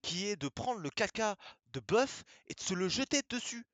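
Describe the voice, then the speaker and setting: Emphatic man ranting, slightly high voice. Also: very animated, normal speed, fairly bright tone, dry recording. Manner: emphatic, repeats himself, rhetorical questions. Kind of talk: casual monologue rant.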